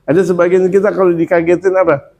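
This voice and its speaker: Lively preacher chanting dhikr. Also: male voice, sits high, quick pace. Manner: repetitive chanting of dhikr phrases; lively, colloquial with humorous asides. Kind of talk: Ramadan sermon. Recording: dull lo-fi recording.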